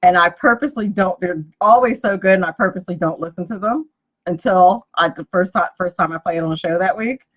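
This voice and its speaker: A woman's voice: fairly low pitch, a little fast, a bit bright, low-quality recording. A woman hosting a business radio talk show, chatty and giggly as she introduces her guest. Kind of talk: casual radio chat.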